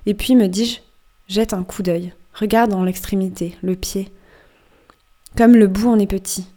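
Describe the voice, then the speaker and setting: A woman reading an audiobook as a wry, boastful male sailor who recounts a strange dream in a lively, conspiratorial way. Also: mid-range voice, unhurried, close to an everyday voice.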